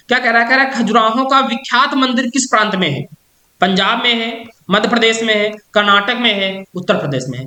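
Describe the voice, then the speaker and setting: Male tutor with a sharp, bright tone who quizzes and answers himself; recorded in an echoey room. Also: high voice. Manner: asks questions aloud and answers them himself; repeats key answers slowly for emphasis. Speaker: teacher. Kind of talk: exam-prep lesson.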